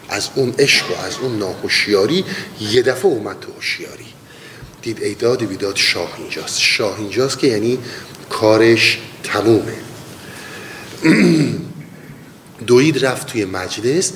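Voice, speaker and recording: A man teaching mystical poetry, chanting lines slowly and then explaining them in quick casual talk. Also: animated, fairly bright tone. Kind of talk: spoken lesson with slow verse recitation. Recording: long hall reverb, faint rumble.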